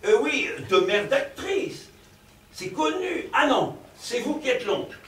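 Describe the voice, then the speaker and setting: A fussy, excitable professor who chases a little affair, as a man plays him on stage. He talks slowly in a high voice that swoops up and down, full of theatrical asides. The sound is roomy and heard from a distance across a stage, with a faint murmur behind. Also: slight background noise, full character voice. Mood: comic. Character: bumbling middle-aged male provincial professor, lecherous and fussy. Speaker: stage actor. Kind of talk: live stage comedy performance.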